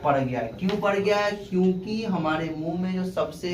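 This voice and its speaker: Fairly high-voiced man teaching in an echoey room. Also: normal speed. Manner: asks questions and repeats the answers himself. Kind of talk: classroom grammar lesson. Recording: echoey room with clear background noise.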